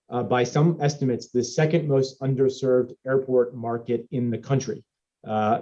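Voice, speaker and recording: A man with a mellow, low-key voice answers a committee's questions over a remote call, and the signal keeps breaking up into choppy, glitchy bits. He talks in a measured way and sometimes restarts a phrase. The call audio is dull and lo-fi throughout. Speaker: airport executive. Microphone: remote video call.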